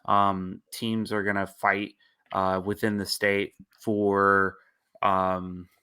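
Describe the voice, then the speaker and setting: Man, low voice, bright forceful tone, casual podcast co-host, rambly, self-correcting. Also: flat delivery, takes it slowly, smooth. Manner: rambling, loses his thread and apologizes. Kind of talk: casual sports podcast chat.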